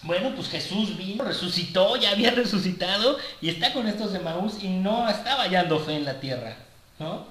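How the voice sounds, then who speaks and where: Halting preacher, echoey room. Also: male voice, high-pitched, lively intonation, sharp tone. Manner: halting, many repeated words and restarts. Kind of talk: sermon with personal testimony. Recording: echoey room with faint ambience.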